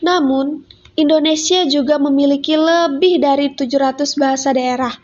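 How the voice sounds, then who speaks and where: A woman student reading an educational narration in a steady, careful way. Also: sits high, normal speed. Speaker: student presenter. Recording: dull lo-fi sound.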